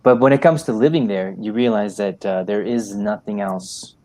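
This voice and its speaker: Brief: young male writer, interview guest, lowish voice, measured. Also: darkish tone. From New York, United States. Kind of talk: interview conversation.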